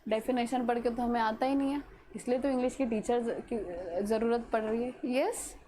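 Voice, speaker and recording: A woman's voice: a little high, moderate pace, dark tone, slight background noise. A woman teacher with an Indian English accent, giving a classroom grammar lesson and mixing Hindi and English while she keeps checking that students understand.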